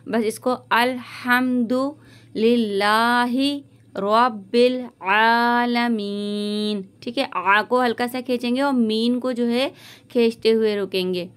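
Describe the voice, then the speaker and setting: A woman teacher giving a recitation lesson to women, patiently modeling each word slowly and repeating it. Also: a little high, smooth.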